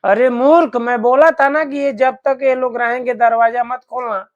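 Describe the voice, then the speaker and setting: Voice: mid-range voice, steady tone, moderate pace, muffled recording, voice pushed up, close to an everyday voice. A man voicing a rude young man who scorns holy men and refuses to chant. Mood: contemptuous. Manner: defiant, curt.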